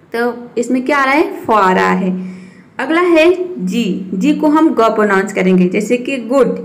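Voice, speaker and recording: A woman teaching a spoken English lesson. She asks her students questions and answers them herself, and she slows down to spell out each example word. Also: a little high.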